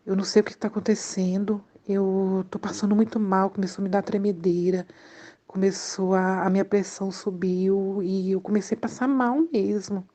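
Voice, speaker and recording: A woman's voice: mid-range voice, little pitch movement, moderate pace, mellow. A middle-aged woman with a Brazilian Portuguese accent giving an earnest, emotional religious testimony, repeating herself and addressing the listener as sister. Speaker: church member giving testimony.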